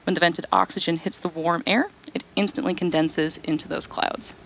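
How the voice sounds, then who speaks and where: A woman with a slightly low voice hosts a live launch webcast. She explains each step in a clearly enunciated presenter delivery. There is faint noise behind her. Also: steady tone, normal speed, fairly bright tone, poor audio.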